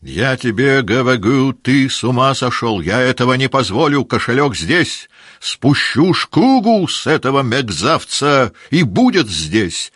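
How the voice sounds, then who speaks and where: A man voicing a hot-tempered hussar officer who shouts in furious outbursts and burrs his r sounds. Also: medium pitch, very animated, measured pace, slightly rough, no echo, clean studio sound, voice pushed up, exaggerated voice. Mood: furious shouting. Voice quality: burred, swallowed r sounds.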